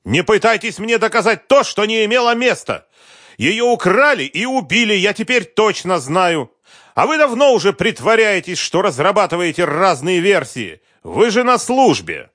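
A man voicing an enraged middle-aged businessman who yells accusations at an investigator. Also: high voice, very animated, moderate pace, dry recording, studio quality, pitched above the performer's own voice, full character voice. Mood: furious shouting. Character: furious middle-aged male businessman, shouting, bullying.

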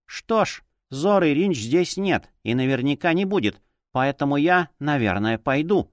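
A man voicing a quick-witted young woman who is a living porcelain doll, in an audiobook, speaking politely and composedly in a slightly raised voice. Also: fairly high pitch, animated, dry recording, studio quality. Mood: cool, evasive. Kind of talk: audiobook character voice.

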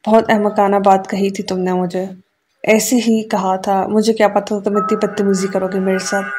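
A woman's voice: medium pitch, little pitch movement, natural voice. A woman reading the lines of a proud, stubborn young wife in a novel, pouting and petulant, with faint music behind.

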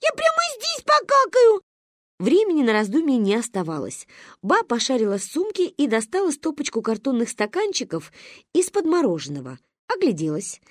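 A woman narrating a humorous storybook aloud, with lively, expressive telling. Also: fairly high pitch, a little fast, no echo, clean studio sound. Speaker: audiobook narrator.

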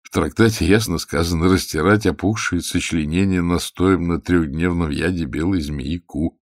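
Man doing a noble's quick inner musing. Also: sits low, no echo, studio quality. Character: wry, puzzled noble man thinking aloud.

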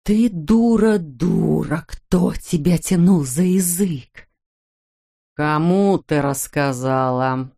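A woman reading an audiobook voices a furious, brutal middle-aged father who growls slowly and menacingly. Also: sits high, gravelly, warm tone, breathy edge, heavily acted.

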